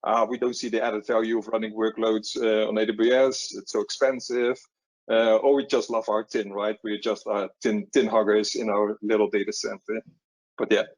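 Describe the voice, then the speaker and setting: Middle-aged Dutch-accented man, halting. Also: on the low side, flat delivery, poor audio. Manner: halting, repeats words often, chuckles at himself. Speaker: panelist. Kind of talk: conversational webinar panel talk.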